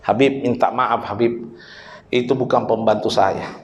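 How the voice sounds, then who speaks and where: A man voicing a grown son who quietly and apologetically explains himself. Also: mid-range voice, fairly even intonation, a little slow, echoey room, slight background noise, voice pushed down, lightly acted. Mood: apologetic.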